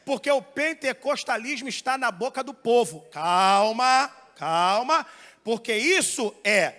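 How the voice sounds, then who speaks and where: A man with a Brazilian Portuguese accent preaching a fiery Pentecostal sermon in a church, swinging from loud shouts to quiet asides. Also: very high voice, lively intonation, normal speed. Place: church hall. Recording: long hall reverb.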